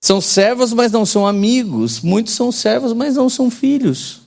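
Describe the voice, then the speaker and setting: A man's voice: very high voice, big pitch swings, normal speed, gravelly, a little mellow. A man in his forties preaching a sermon as pastor, in a casual joking manner with slang and call-and-response to the congregation.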